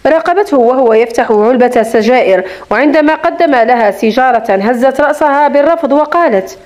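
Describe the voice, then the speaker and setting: Female audiobook narrator, high voice, dramatic novel reading. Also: animated, fairly quick, darkish tone.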